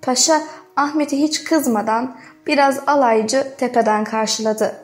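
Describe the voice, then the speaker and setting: A woman narrating a literary novel as an audiobook, reading in a measured, dramatic way. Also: sits high, steady tone.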